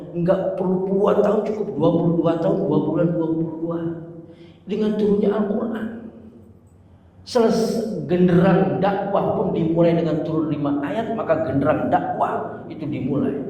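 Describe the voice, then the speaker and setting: A middle-aged man preaching a sermon in a lively, teasing way, sometimes mimicking faulty recitation. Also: fairly high pitch. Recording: echoey hall.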